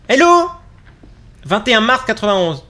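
A man doing excited let's play commentary, exclaiming and jumping up in pitch as he plays. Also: normal speed. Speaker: gaming YouTuber.

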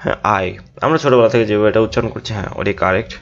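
A man teaching an English pronunciation lesson in a casual classroom way. He drills each word aloud and keeps adding a quick "yes". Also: fairly low pitch. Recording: dull lo-fi recording.

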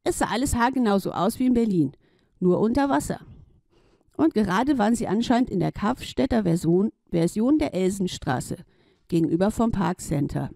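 Lively woman reading a children's story. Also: mid-range voice, moderate pace, creaky, no echo, studio quality.

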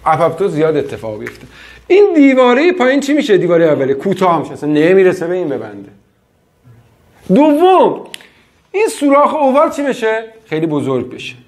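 Animated male lecturer quizzing his class. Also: high voice. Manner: quizzes students with frequent questions. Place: classroom with students.

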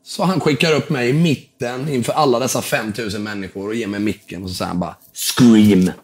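A man, a guest entrepreneur in a casual interview, telling an animated story and acting out the dialogue, dropping in English words and the odd swear. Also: medium pitch. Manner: casual, swears now and then.

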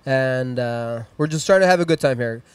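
Speaking at normal speed with a medium pitch, this Mexican-accented man in his thirties has a clean voice with no echo. He's running a live music stream in a small decorated studio indoors, holding a mic and chatting loosely. The talk is casual shout-outs, rambling and upbeat, with plugs for sponsors and socials.

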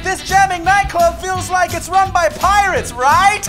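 A woman voicing an excitable, boyish alien puppet in a children's show, dramatic and exclamatory with nervous stammers. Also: very high-pitched, a little slow. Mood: excited. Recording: music behind the voice.

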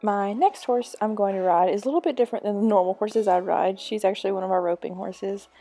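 Mellow young woman narrating a voice-over. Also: mid-range voice, quick pace, soft background music. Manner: calm, explanatory and matter-of-fact. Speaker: vlogger and horse owner.

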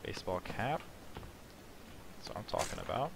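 A man with a lowish voice talks his way through a game in a loose, rambling way. He mocks himself and thinks aloud about what to pick up next. Steady noise sits clearly behind the voice. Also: normal speed. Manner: rambling, self-mocking asides. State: sleepy, yawning at the start. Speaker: gaming channel host. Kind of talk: casual let's play commentary.

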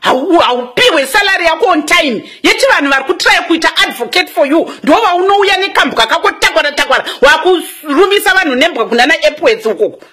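Zimbabwean woman in her twenties, furious scolding rant, high and animated pitch. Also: brisk, few pauses. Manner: fiery, scolding, switching between Shona and English. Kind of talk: angry political rant.

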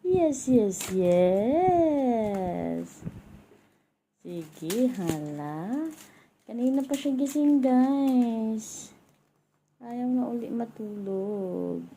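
A woman's voice: fairly high pitch, animated, extremely slow, vocal fry, pauses often, mellow, slight background noise. A young mother vlogging at home, cooing baby talk to her little child. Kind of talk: casual family vlog.

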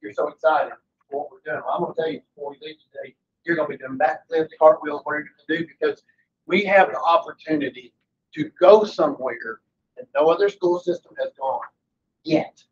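Energetic man pitching to a board. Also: brisk, dull audio, a little hiss or hum. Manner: energetic, salesman-like, rhetorical questions. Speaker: guest presenter, workforce trainer. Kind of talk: motivational presentation. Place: conference room, standing at front.

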